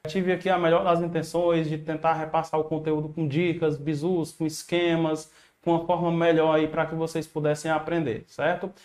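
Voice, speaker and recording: A Brazilian man with a somewhat high voice teaches an exam-prep lesson. He talks in a casual, encouraging way, dropping slang as he walks through each answer. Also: level tone, normal speed, few pauses, darkish tone. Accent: Brazilian Portuguese. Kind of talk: online video lesson.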